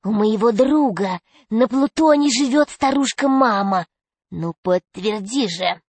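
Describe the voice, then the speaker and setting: A woman's voice: a little high, animated, unhurried, darkish tone, husky, no echo, heavily acted. A woman voicing a thin, sly adult male stowaway who lies politely and ingratiatingly.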